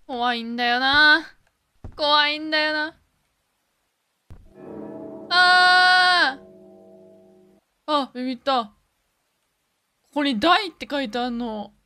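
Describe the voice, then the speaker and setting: A woman's voice: high-pitched, moderate pace, long pauses, sharp tone, soft background music. A woman hosting a gaming video, talking casually while she plays and easily getting scared, with frequent startled exclamations and repeated words. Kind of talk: casual game commentary.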